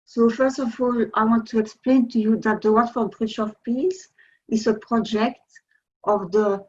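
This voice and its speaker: A woman's voice: fairly high pitch, fairly even intonation, measured pace, dull audio. A woman from Belgium, giving a polite, earnest conference presentation over a video call. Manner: polite and earnest, slightly non-native phrasing. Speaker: conference speaker. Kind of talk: presentation talk.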